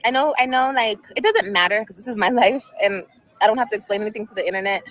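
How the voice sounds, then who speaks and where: A vlogger in her thirties livestreams outdoors at sunset, chatting casually in an emotional, rambling way and repeating herself often. Her mid-range voice is a bit bright, she talks fast, and the recording is rough.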